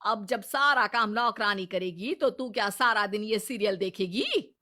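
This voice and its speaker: A woman's voice: medium pitch, unhurried, sharp tone. A woman playing a bossy, scolding mother-in-law who orders her daughter-in-law around. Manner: scolding, commanding.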